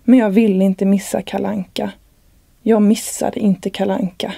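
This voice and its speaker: A woman's voice: mid-range voice, flat delivery, gravelly, dry recording, clean studio sound. A woman reading as a weary, mumbling sick mother. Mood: tired. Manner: quiet, mumbling.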